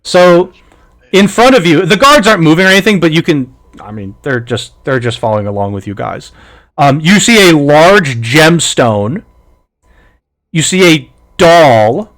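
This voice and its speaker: A man narrating a tabletop game as game master, lively and halting with fillers. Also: fairly high pitch.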